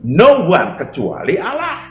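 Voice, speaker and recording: A man's voice: high voice, huge pitch swings, unhurried, reverberant, soft background music. A man preaching a sermon, emphatically repeating scripture lines after a reader.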